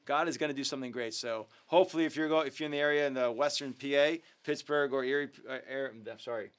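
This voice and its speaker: A man's voice: mid-range voice, steady tone, quick pace, clean tone. A man hosting a live youth ministry talk show, speaking casually and earnestly with lots of ums and uhs as he shares updates and a devotional. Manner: filler-heavy, earnest, upbeat. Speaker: youth ministry leader and host.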